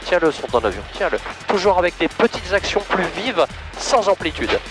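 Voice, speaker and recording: A man coaching a student pilot in a small plane's cockpit over a headset intercom, calm, encouraging and casual. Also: high voice, normal speed, over music. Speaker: flight instructor. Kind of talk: in-flight coaching.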